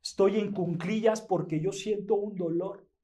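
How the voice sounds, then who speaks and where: High-voiced Mexican pastor preaching. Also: male voice, steady tone, unhurried, dark tone. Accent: Mexican Spanish. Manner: emphatic, asks and answers his own questions; addresses the congregation as brothers. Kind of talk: sermon.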